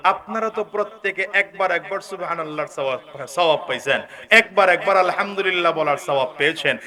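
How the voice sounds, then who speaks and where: A man preaching to a large gathering. He calls on the crowd to answer loudly and swings between shouting and low asides. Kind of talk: sermon.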